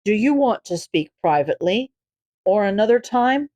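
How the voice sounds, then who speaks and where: A woman reading aloud and voicing a big, kind older male hero who gently speaks as a fatherly mentor. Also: expressive, normal speed, lightly acted. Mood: gentle concern. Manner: gentle, low and protective.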